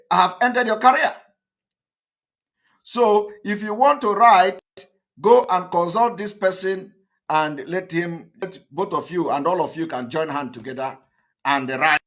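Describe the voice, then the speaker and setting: A Nigerian man, a political activist, gives an impassioned monologue to camera for his followers. His voice sits a little high and a bit bright, and he's emphatic and defiant, repeating points to hammer them home.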